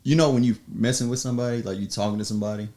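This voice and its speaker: A man chatting as a podcast guest, telling a personal story in an animated way, acting out quotes and laughing often. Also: medium pitch, very fast. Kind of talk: casual storytelling chat.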